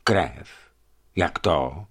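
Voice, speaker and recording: A man voicing a dazed, wounded male geologist who speaks slowly and in confusion. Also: sits low, animated, husky. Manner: slow, bewildered. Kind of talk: audiobook character voice.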